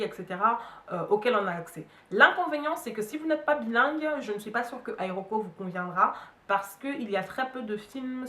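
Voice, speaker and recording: A woman's voice: a little high, fairly bright tone. Chatty young woman in an echoey room. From Cameroon. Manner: chatty, with many fillers and asides. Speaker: beauty and hair vlogger. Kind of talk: casual review chat to camera. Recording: roomy echo, mic a bit far.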